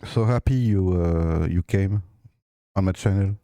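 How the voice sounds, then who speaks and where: A man from Belgium speaking hesitant, halting English with a French accent, as a game streamer chatting casually live. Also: low-pitched, dark tone, dry recording, clean studio sound. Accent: Belgian French; French-accented when speaking English. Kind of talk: casual live gameplay commentary.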